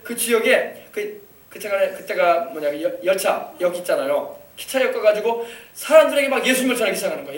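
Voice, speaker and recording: High fast-talking preacher in an echoey church. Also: male voice. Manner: storytelling, acting out quoted voices, rising to shouts of hallelujah. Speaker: pastor. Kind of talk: sermon. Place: church sanctuary. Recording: echoey church hall, mic at a distance.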